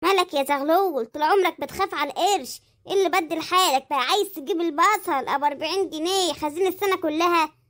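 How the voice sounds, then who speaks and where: Cartoon housewife played by a woman, Egyptian accent, very high, quick, nagging and theatrical. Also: fairly bright tone. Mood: fretting. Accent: Egyptian Arabic. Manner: nagging, dramatic, lamenting. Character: chatty fretful Egyptian housewife, middle-aged. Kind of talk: comic cartoon voice acting.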